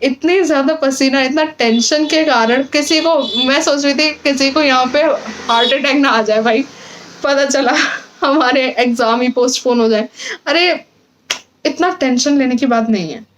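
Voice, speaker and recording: A teenage girl with a high voice speaks straight to her fellow students. She sounds earnest and encouraging as she reassures them. She often pauses on fillers and restarts her sentences. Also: fairly bright tone, low-quality recording. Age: teens. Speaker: student vlogger. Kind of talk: casual advice talk to camera.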